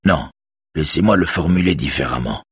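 A man's voice: extremely low pitch, animated, normal speed, husky, no room sound, studio quality, exaggerated voice. A man voicing a sinister male collector who keeps his menace tightly controlled behind a smile, read in an audiobook. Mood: cold. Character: sinister smiling male collector, cold host.

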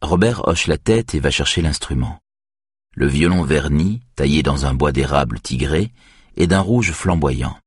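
A man calmly narrating an audiobook in an even reading voice. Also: rumbling low, unhurried, breathy edge, dry recording, clean studio sound. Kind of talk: scripted narration.

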